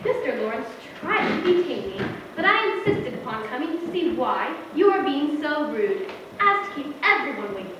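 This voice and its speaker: A woman's voice: high voice, very animated, normal speed. A woman acting a stern, bossy, disapproving rich old aunt in a stage play, with a formal scolding manner. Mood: stern, suspicious. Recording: distant, echoey theatre, noisy dull sound.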